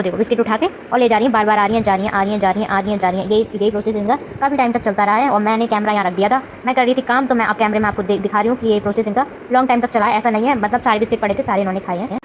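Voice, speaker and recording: A woman's voice: fairly high pitch, fairly even intonation, racing, hardly any pauses, a little hiss or hum, rough recording. A woman who runs a small beauty salon, chatting casually in her vlog and mixing English words into her talk. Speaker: salon owner and vlogger.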